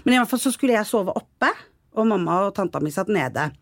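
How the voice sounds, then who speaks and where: A Norwegian woman with a husky voice, casually telling a personal story in a podcast conversation and acting out the people in it. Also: mid-range voice, no room sound, studio quality. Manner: lively storyteller, acts out voices. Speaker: podcast co-host sharing her story.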